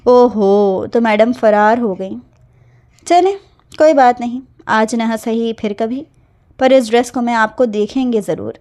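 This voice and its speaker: A woman's voice: fairly high pitch, a little mellow, natural voice. A woman voicing a teasing young male police officer in a storybook reading. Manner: cocky, teasing.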